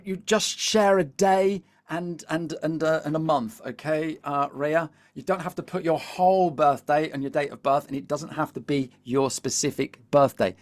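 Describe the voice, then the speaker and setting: A British man leading a live webinar as a coach, chatty and animated, constantly asking the audience to reply in the chat. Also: a little high. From Britain. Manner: peppers speech with "all right?" and "here's the thing". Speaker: LinkedIn coach.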